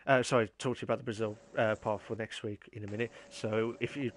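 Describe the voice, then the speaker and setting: A man's voice: on the low side, steady tone, fast. Rambling man with an English Midlands accent. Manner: rambling, repetitive, hesitant phrasing. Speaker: interviewer, league host. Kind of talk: casual post-race interview.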